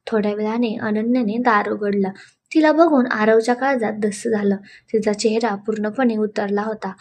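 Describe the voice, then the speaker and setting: A woman's voice: mid-range voice, moderate pace, darkish tone. A woman narrating a romantic audio story in a dramatic, emotive way.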